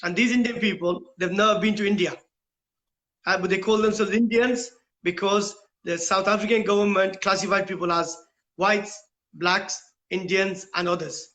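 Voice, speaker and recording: On a low-quality recording, a middle-aged man from the United Kingdom, a school principal, explains things earnestly in an interview. His high voice is fairly bright, with fairly even intonation and a moderate pace, and he keeps asking rhetorical questions and adding "right?".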